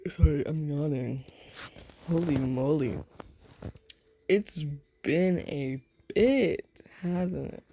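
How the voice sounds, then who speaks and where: A woman chatting casually before an ASMR role-play, rambling and soft-spoken, sometimes slipping into a whisper. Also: sits low, gravelly. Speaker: ASMR voice actor.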